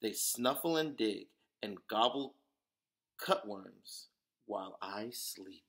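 A man reading a children's picture book aloud as a storyteller, with deliberate, dramatic emphasis. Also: lowish voice, animated, a bit bright. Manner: deliberate, dramatic emphasis with occasional whispers and exclamations.

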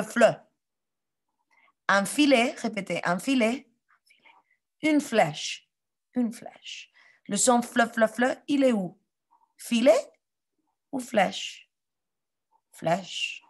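A woman teaching a phonics lesson to children, saying sounds and words clearly and pausing for them to repeat. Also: medium pitch.

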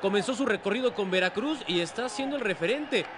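Man, high-pitched, analysing a football match. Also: lively intonation, brisk. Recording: clear outdoor stadium noise behind voice.

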